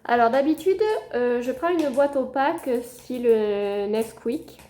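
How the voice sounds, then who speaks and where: A woman's voice: a little high, a little slow, dark tone. A woman chatting casually in a home vlog, showing her plants to viewers. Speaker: gardening vlogger. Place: at home by a window.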